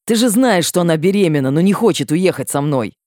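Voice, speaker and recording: A woman's voice: on the low side, expressive, brisk, darkish tone, no echo, clean studio sound, voice pushed up, close to an everyday voice. A woman doing a protective male dragon. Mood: earnest. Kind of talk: audiobook character voice.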